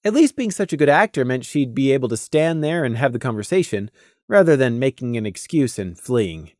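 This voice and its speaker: Scripted fiction is performed by an expressive audiobook narrator whose delivery is dramatic. Deliberate pauses punctuate a very lively, mid-range melody, captured in a dry recording with little sense of the room.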